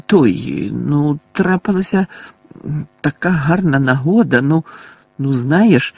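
A shifty, cowardly small-time crook, as a male reader plays him, whining and stammering in a raised, husky voice. He mumbles excuses and grows panicky under pressure. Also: a little high, expressive, slow, no echo, heavily acted. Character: shifty, cowardly petty thief, scruffy middle-aged man.

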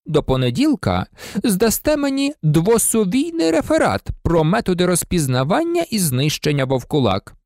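An audiobook reader voicing a cold, sneering male professor with a slow, silky, menacing delivery. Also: medium pitch, wildly swooping pitch, darkish tone, dry recording, studio quality, voice pushed up. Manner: icy, contemptuous.

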